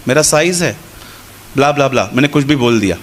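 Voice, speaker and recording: Lively in intonation and a little fast, this mid-range male voice delivers a conversational Hindi sermon to a congregation. He repeats phrases and performs small quoted exchanges.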